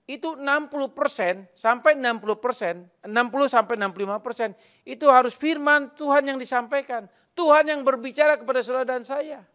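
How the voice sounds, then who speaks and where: A man's voice: very high voice, a bit bright. A male pastor preaching a sermon, emphatic and repetitive, often turning to address the congregation directly.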